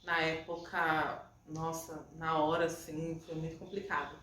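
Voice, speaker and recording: A woman's voice: low voice, level tone, a little slow, sharp tone, a little hiss or hum. A woman with a Brazilian Portuguese accent, a mother emotionally retelling a personal story to her viewers in a casual way. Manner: emotional retelling, often addressing viewers as "gente". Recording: echoey room, voice from a distance.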